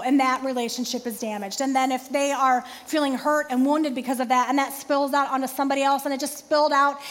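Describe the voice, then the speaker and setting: A woman pastor in her forties giving an animated sermon with self-deprecating humor. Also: high voice, in a large hall.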